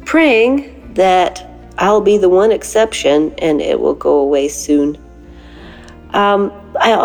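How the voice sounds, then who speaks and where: A woman with a gravelly whiskey voice, hoarse from a cold, leaving an informal prayer message as a caller. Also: on the low side, a little mellow. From Canada. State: has a lingering cold.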